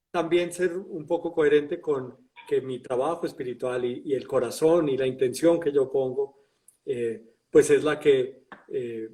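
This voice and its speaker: A man interviewing a guest, slowly restating the guest's ideas with pauses and hesitations. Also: on the high side, darkish tone, far from the mic, low-quality recording. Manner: thoughtful, hesitant, paraphrasing the guest.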